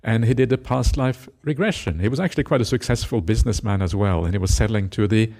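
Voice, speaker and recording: A middle-aged Norwegian man, a Buddhist monk, talks fast in a voice on the low side during a reflective Dhamma talk. He often finishes points with a questioning "eh?", and his speech carries gentle laughter and hesitant fillers.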